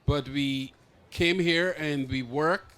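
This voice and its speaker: A man's voice: on the high side, slow pace, fairly bright tone, smooth. A man from Guyana presents his memoir at a book expo, speaking hesitantly and restarting phrases. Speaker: memoir author.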